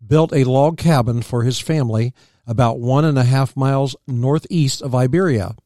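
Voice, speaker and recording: A man, reading local history aloud as a podcast co-host, steady and plain with small slips. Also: mid-range voice, normal speed, no room sound, clean studio sound.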